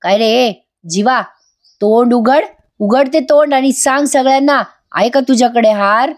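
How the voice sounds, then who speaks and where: A woman reading an angry older father's lines aloud in a TV serial review, shouting and accusing. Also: a little high, measured pace, pitched above the performer's own voice, lightly acted. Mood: stern.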